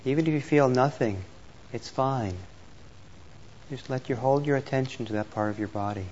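Gently and without hurry, a meditation teacher guides a group, leaving pauses after each instruction. His voice is medium in pitch, and the audio is dull and lo-fi with noticeable background noise.

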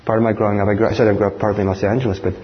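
Reflective, low-voiced meditation teacher from Norway. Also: male voice, level tone. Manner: reflective, measured delivery. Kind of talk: dharma talk. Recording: dull lo-fi talk recording with faint hiss.

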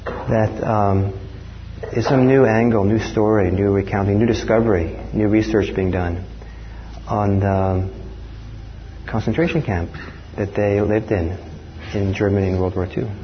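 A man from Norway giving a dharma talk as a meditation teacher, speaking in a reflective, measured way. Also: lowish voice, steady tone. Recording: dull lo-fi talk recording with faint hiss.

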